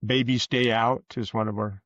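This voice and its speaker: With a mid-range, fairly bright voice and a steady tone, a man in his sixties from rural Kansas answers casually as a guest in an interview. He's an author and ex-police officer whose phrasing is folksy, hesitant and halting. The recording is lo-fi, roomy and dull.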